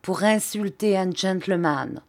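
A woman's voice: medium pitch, a little slow, a little mellow, lightly acted. A woman reading an audiobook, voicing an agitated male schoolmaster who raises his voice in trembling outbursts.

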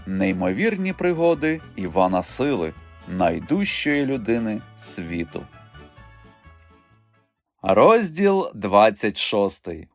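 Guy reading a storybook out loud, bouncy intonation, super dry studio sound. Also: medium pitch, no echo. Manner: expressive, storytelling. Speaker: audiobook narrator. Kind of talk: scripted narration.

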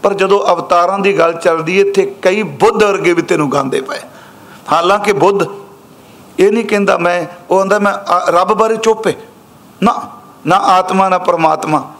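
A man preaching a sermon that explains scripture, chanting each quoted verse slowly and then explaining it in brisker speech while he speaks directly to his listeners. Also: high-pitched, fairly bright tone. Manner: addresses listeners directly as an audience. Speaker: Sikh preacher giving scripture commentary. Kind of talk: katha sermon expounding scripture.

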